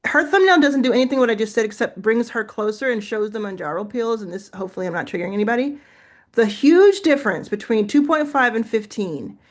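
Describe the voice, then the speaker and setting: This livestream host's voice is a little high, quick and full of lively intonation. Coaching on business in a relaxed live chat, she gives encouraging feedback and thinks aloud as she goes.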